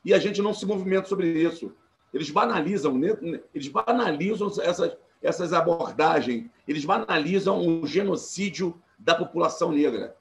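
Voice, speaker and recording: A man's voice: on the high side, normal speed, creaky. A Brazilian man with a Carioca accent, in his forties, speaking earnestly and emphatically as a panelist on a live video call, often restarting his sentences. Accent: Carioca Portuguese. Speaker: panelist, former law student and activist. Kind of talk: live-streamed panel talk.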